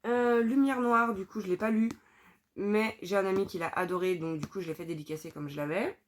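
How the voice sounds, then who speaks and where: A woman's voice: medium pitch, fairly even intonation, brisk. A young woman chatting casually about her books, candid and thinking aloud with lots of fillers. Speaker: book vlogger. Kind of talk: casual chat.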